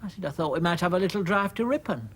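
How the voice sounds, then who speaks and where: A man's voice: sits high, expressive, fast talker, a bit bright. A middle-aged man, delivering a dry, prim dramatic monologue. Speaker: monologue narrator.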